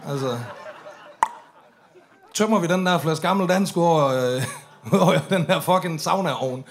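Swearing man telling a story. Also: on the high side. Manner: swearing, animated, acts out drunk voices. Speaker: comedian telling a story on stage. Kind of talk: stand-up storytelling.

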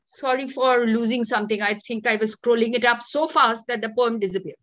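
A woman's voice: a little high, brisk, fairly bright tone. A middle-aged woman with an Indian accent giving a dramatic poetry reading over a video call. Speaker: poet reading own work. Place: indoor book-lined room, video call. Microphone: video call microphone.

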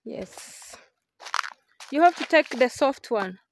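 A young woman chats casually, pitched a little high, as she strolls about a farm. She records on a phone held at arm's length in the open air. Faint noise sits under her voice. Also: expressive, takes it slowly, gravelly. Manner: chatty, walks while showing the farm. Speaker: village life vlogger. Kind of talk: casual vlog narration. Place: outdoors on a rural farm. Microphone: phone camera held at arm's length.

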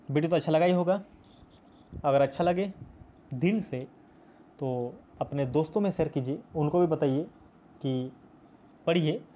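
A man's voice: fairly high pitch, dark tone. A male teacher explaining a poem in a class video, patient and repetitive, mixing English terms into his speech. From India.

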